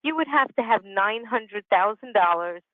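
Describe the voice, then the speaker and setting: Speaking at a normal speed in an expressive, mid-range voice, a woman in her sixties presents over a phone conference line. As a business consultant, she explains a prepared talk and slips in conversational remarks. The audio is phone-quality with no echo.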